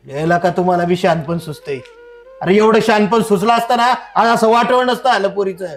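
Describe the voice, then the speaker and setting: An actor playing a proud, domineering father who scolds and shouts with contempt. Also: high-pitched, a little fast, soft background music, natural voice. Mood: angry. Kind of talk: short drama acting.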